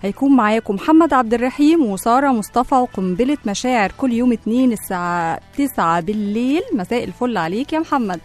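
A woman's voice: fairly high pitch, expressive, fast talker, hardly any pauses, faint music behind. A woman with an Egyptian accent co-hosting a radio show in conversational, bantering chat. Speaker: radio co-host.

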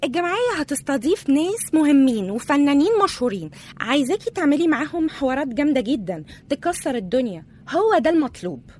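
A woman's voice: high voice, big pitch swings, a little mellow. An actress playing a vain, bossy woman TV reporter who bosses her assistant, with an Egyptian accent. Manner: fussy, bossy, rapid.

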